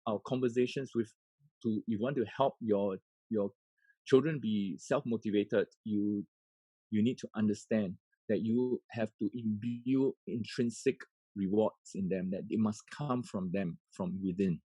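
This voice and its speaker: A man's voice: lowish voice, fairly even intonation, a little slow, mellow, husky, dry recording, rough recording. A man, an education coach giving an earnest webinar talk. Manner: earnest, with many fillers and restarts.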